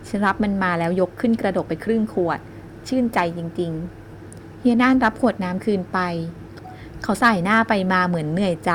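A woman's voice: medium pitch, slight background noise. Woman narrating a romance audiobook. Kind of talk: first-person novel narration.

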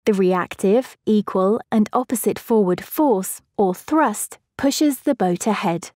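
A woman narrator reads a scripted science explainer in short, even clauses, her mid-range voice mellow and soft-edged. She takes it slowly, and the sound is dry and close with no echo or room around it.

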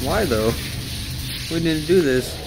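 A young man chatting casually while gaming with friends, swearing, joking and breaking into loud outbursts. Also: fairly high pitch, lively intonation, slow, creaky, rough recording. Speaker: gamer. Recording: loud game music behind.

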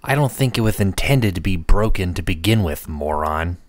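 Man doing a sulky troll with a low, swinging voice. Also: expressive, moderate pace, no echo. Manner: sulky, insulting. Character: sulky young male troll, pessimistic.

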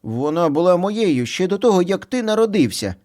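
A man's voice: sits high, sing-song, normal speed, darkish tone, pitched above the performer's own voice. A man voicing two squabbling little boy bunny brothers in a storybook reading, whiny and bickering.

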